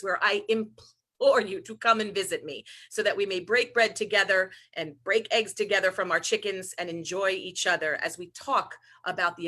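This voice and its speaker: A woman's voice: mid-range voice, pushed and bright. A woman from New York giving a keynote on a video call, emotional at first and then playful and upbeat, joking in rhymes. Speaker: keynote speaker.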